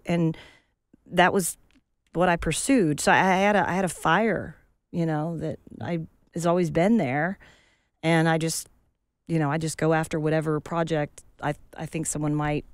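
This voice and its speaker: A woman voice actor chatting as a guest in a casual interview, animated and full of restarts. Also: lowish voice, moderate pace, smooth, no echo, studio quality.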